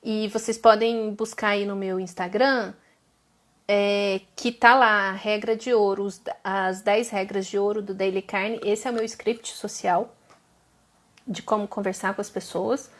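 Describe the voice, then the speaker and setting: A woman's voice: mid-range voice, fairly even intonation, measured pace. A woman from Brazil, a therapist giving an informal online lecture, who often checks in with her listeners.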